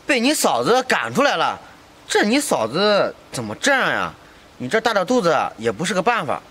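A man playing a kindly single scrap collector who talks with warm concern. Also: sits high, wildly swooping pitch, normal speed, exaggerated voice. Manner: warm-hearted, concerned, chatty.

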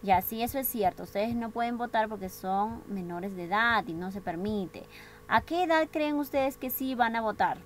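A woman's voice: fairly high pitch, lively intonation, normal speed, slight background noise. Bilingual woman teaching English. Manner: switches between Spanish and English, asks pupils questions. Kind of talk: online class for young pupils.

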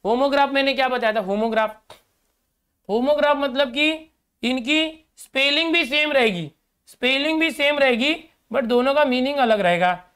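A middle-aged Indian man giving a lesson in a smooth, clear voice. He repeats each word several times, mixes English terms into his explanations and keeps checking that the students follow him. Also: very high-pitched, moderate pace, a bit bright. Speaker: teacher. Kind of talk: classroom lecture.

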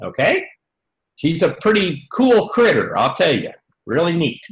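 Speaking over a video call from an indoor office lined with trophies, a folksy American dairy farmer in his sixties guides schoolchildren as a tour guest, keeping things simple and frequently checking on his listeners. His voice is fairly high, sing-song and a little slow, and the computer mic audio is muffled and echoey.

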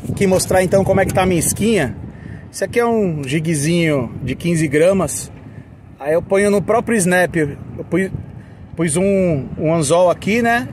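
A man chatting excitedly and laughing often as he hosts a fishing vlog out on a boat. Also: high voice, moderate pace. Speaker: fishing vlogger host. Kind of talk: casual on-camera fishing chat. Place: outdoors on a boat at sea. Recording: loud wind and boat noise.

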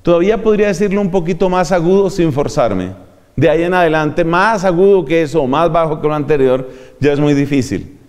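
Preacher in a reverberant hall. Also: male voice, on the high side, a little mellow. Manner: measured, demonstrates vocal range. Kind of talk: homiletics lecture.

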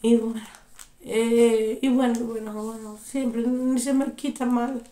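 A young woman, telling a story casually in a vlog with animated, repeated exclamations, sounding unwell. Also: a little high, slow, reverberant. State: unwell, recovering from illness. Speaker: vlogger.

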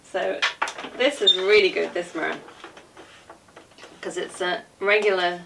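In an unhurried, creaky voice on the low side, with fairly even intonation, a woman in her forties walks viewers through her small home dressing room. It is casual, chatty vlog talk, with informal, rambling asides as she moves around showing things. The recording is distant and noisy, taken by a camera mic a few feet away with background noise and clicks.

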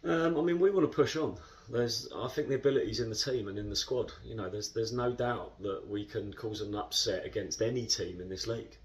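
A football club captain in his thirties talks through a post-match interview in a fairly low voice, relaxed, chatty and measured, with plenty of fillers. He's filmed in an indoor club room by a camera placed a little back, so the sound has slight distance.

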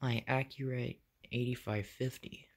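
Recorded on a handheld phone held behind the camera, a young American man who makes videos as a hobby casually narrates a show-and-tell from a small carpeted bedroom. His medium-pitched voice keeps a fairly even intonation at a measured pace, delivered in short, offhand phrases. There's slight background noise.

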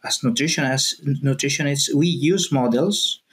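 A man in his thirties with a Peruvian Spanish accent, talking as a guest over a video call. He pauses often, restarts his sentences and fills the gaps with "uh". His voice sits at an ordinary, middle pitch, picked up through earbuds in an office. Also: fairly bright tone, slightly rough. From Peru. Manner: halting, with many fillers and restarts. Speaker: guest researcher. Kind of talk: remote interview.

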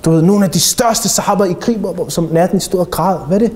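A man's voice: high-pitched, a little hiss or hum. A man giving a religious lecture to young people as an Islamic teacher, talking animatedly and putting rhetorical questions to his listeners. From Denmark. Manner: animated, addresses audience directly with rhetorical questions.

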